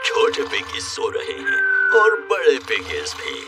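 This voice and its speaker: Affectionate father cartoon pig, playful, huge pitch swings, unhurried, distant sound. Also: huge pitch swings, loud music behind the voice, full character voice. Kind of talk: children's cartoon dub in Hindi.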